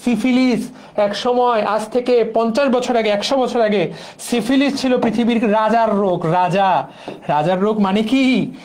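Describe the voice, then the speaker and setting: A young man from Bangladesh, a biology lecturer, teaches an exam-prep class and playfully drills memory tricks through repetition. His voice is high-pitched and unhurried, with a darkish tone.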